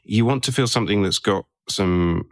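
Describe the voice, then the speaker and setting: Male podcast host, very deep voice, dry close sound, chatty with lots of tag questions. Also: moderate pace, no room sound. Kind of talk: casual interview chat.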